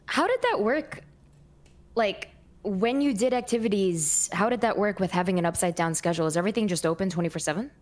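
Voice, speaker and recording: A woman's voice: mid-range voice, lively intonation, brisk. A woman co-hosting a stream, reading viewer questions and asking curious follow-ups in casual chat.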